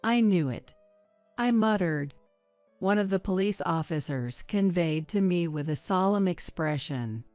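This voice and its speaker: Casting: woman narrator, low and dry, with soft music under her. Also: animated, a little slow, smooth, no room sound. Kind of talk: scripted narration.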